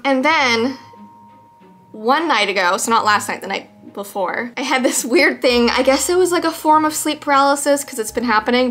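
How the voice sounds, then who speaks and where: A woman vlogger telling personal stories in a casual, chatty way, animated and acting out bits of dialogue. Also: high voice. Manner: animated, acts out quoted dialogue. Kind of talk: casual chatty storytelling to camera.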